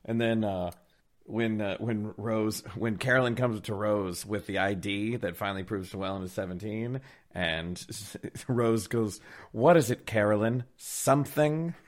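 Guy guest on a movie podcast, enthusiastic, lowish voice. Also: steady tone, unhurried. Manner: enthusiastic, quotes lines. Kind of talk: casual film discussion.

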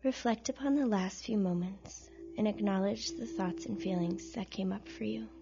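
A woman narrating a scripted guided relaxation in a soft, breathy near-whisper, with gentle, soothing instructions and pauses. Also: mid-range voice, muffled recording. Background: soft music.

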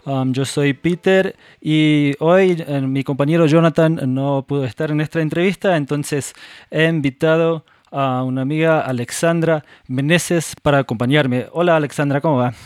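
A man's voice: fairly high pitch, fairly even intonation, moderate pace, a little mellow, clean tone, no room sound, clean studio sound. A man hosting a podcast, welcoming listeners and introducing guests in a conversational style. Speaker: podcast host.

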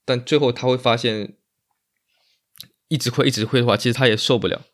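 A man's voice: medium pitch, fairly even intonation, a little fast. A man speaking as an interview guest in a casual chat, explaining things and repeating phrases for emphasis. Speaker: interview guest, magician and bar owner.

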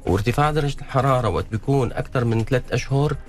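A man with a Levantine Syrian accent answering radio interview questions as a doctor, halting and repeating words as he explains. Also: medium pitch, faint music behind. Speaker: pediatrician, studio guest.

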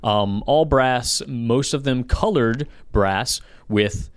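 A man co-hosting a casual podcast chat, getting animated and jumping up in pitch when excited. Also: takes it slowly, clear, resonant tone, dry recording. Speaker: podcast co-host.

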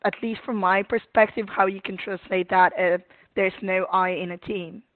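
A hoarse woman co-hosting a podcast, speaking softly and haltingly. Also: mid-range voice, fairly even intonation, dry recording, low-quality recording. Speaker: podcast co-host. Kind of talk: casual interview conversation.

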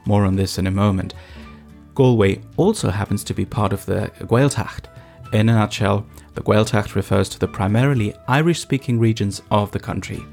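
Lowish-voiced man narrating a documentary. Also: normal speed, vocal fry, a little mellow, soft background music. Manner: explanatory, addresses the listener directly. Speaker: host, narrator. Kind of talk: scripted narration for a language documentary.

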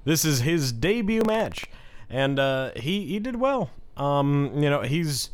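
A man's voice: a little high, sing-song, takes it slowly, clear, resonant tone. A man co-hosting a wrestling review show in casual, joking conversation. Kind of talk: casual comedic chat.

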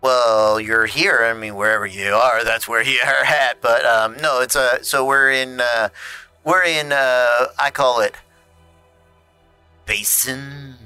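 A man's voice: medium pitch, fairly even intonation, slow, sharp tone, clear, resonant tone, dry recording, soft background music, exaggerated voice. A man voicing a quirky, nasal male goblin who hoards shiny junk and rambles indignantly. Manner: fussy, rambling, mock-indignant.

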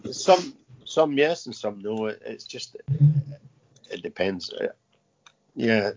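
A man in his fifties speaks in a fairly low voice, pausing often and repeating words as he answers questions. The audio is muffled and lo-fi, as on a remote interview recording. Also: lively intonation, creaky, noisy background. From Scotland. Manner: halting, repeats words, many "uh" fillers. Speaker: guest, army veteran. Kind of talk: casual interview.

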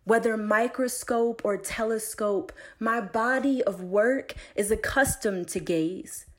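Reading her own poems aloud, a woman moves phrase by phrase with pauses in between, her recitation measured and deliberate. Her voice is mid-range.

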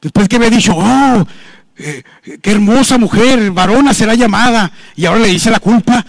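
Male pastor, very high voice, impassioned sermon delivery, dry close recording. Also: moderate pace, no echo. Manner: impassioned preaching, often drops low and soft on "hermano".

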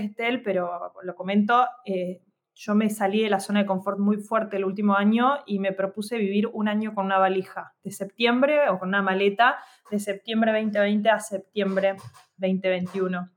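A woman, co-hosting a podcast in a casual, reflective chat full of fillers and tag questions. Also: medium pitch. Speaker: podcast co-host.

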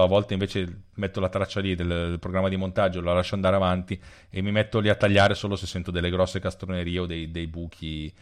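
A man talking as a programmer guest on a podcast, explaining things freely with frequent restarts. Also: low-pitched. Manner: talks freely with restarts and trailing off. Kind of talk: casual conversation.

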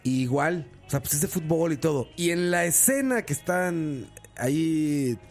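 A man hosts a casual podcast, his slightly raised voice rising and falling a lot as he tells stories. He talks in slang and laughs often. Soft music sits low behind him. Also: lively intonation, measured pace. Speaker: podcast host. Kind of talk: casual chat.

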